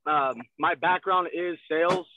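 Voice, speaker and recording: A man in his twenties giving an energetic motivational sales talk from a car, heard over a video call. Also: a little high, a little slow. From Texas. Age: 20s. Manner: energetic, gestures a lot, repeats phrases. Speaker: guest salesman. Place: in a parked car. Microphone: phone on a video call. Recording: thin phone-like video call audio.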